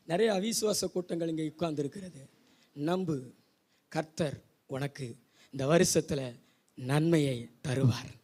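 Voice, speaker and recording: A man pastor with a very high voice, preaching at a church service. He urges his congregation to repeat lines after him. His delivery swings between quiet coaxing and loud, shouted declarations. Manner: high-pitched, repeats phrases for the congregation to echo. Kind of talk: Pentecostal sermon with call-and-response.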